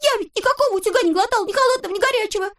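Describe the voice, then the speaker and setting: A hasty little storybook fellow with a very high, shrill voice that rattles out his words at a rush, acted by a woman. He sounds indignant and excitable. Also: very fast. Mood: outraged.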